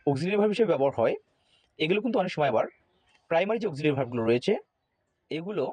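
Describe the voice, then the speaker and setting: Deliberate Bangladeshi man teaching grammar. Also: fairly high pitch, darkish tone, no echo. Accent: Bangladeshi Bengali. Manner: slow, deliberate, spells words out letter by letter. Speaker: English teacher. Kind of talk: grammar lesson.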